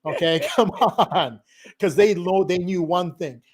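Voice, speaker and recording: This high-voiced, middle-aged man from a Filipino family works as a digital marketing consultant and is talking on a live business stream, with a crowd audible behind him. Though unhurried, he's animated and emphatic, often laughing and capping his remarks with "right?" or "okay?"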